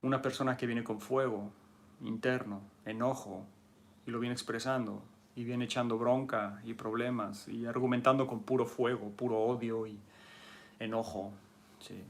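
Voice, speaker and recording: Gravelly Mexican martial arts teacher. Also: male voice, medium pitch, fairly even intonation, moderate pace. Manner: conversational, keeps asking "¿sí?" to check understanding; acts out arguing people in a raised, mocking voice. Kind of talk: casual teaching talk.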